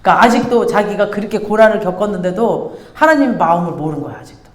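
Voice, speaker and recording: A woman pastor preaching a sermon in a lively, teasing, conversational way, acting out scenes for her congregation. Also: mid-range voice, quick pace. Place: church hall. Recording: roomy church hall echo.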